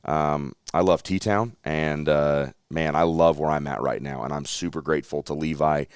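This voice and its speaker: Earnest deep-voiced man talking candidly. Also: moderate pace, clear, resonant tone, dry recording, clean studio sound. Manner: earnest, reflective, animated when telling stories. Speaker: racing announcer, podcast guest. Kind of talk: candid interview chat.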